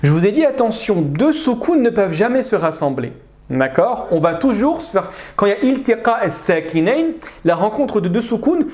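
A high-voiced man runs an online Arabic grammar class, the audio reverberant. He explains patiently yet animatedly, frequently asking his students "d'accord?" to check they understand.

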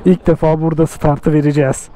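A man chatting casually as a vlog host, exclaiming with excitement as he comments outdoors. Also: on the high side, a little fast. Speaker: motovlogger, host. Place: outdoors on a city street outside a motorcycle shop. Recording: outdoor street sound with people around. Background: people chatting, street traffic.

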